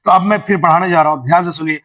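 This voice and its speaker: A man's voice: fairly high pitch, a bit bright, rough recording. A male teacher giving a reading lesson to children, asking questions back and drawing out each syllable when he models it. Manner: repetitive call-and-response drilling. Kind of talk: classroom lesson.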